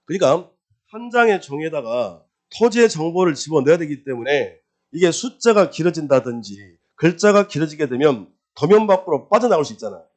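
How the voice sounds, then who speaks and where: Lively male lecturer drilling exam terms. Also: a little high, brisk. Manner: quizzes students with rhetorical questions and answers them himself; repeats key terms in a singsong drill. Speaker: real estate law lecturer.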